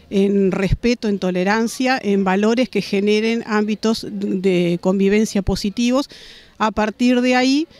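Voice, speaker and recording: Outside, with reporters' handheld mics pressed close to her face, a Uruguayan school principal in her forties responds to news questions. Her mid-range voice has a darkish tone, and she speaks deliberately in Uruguayan Spanish, dropping "este" again and again.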